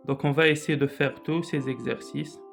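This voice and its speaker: A man teaching a grammar lesson from a workbook, repeating key points slowly and reading out examples before explaining them. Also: fairly high pitch, steady tone, creaky, faint music behind. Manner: reads out example sentences, then explains them.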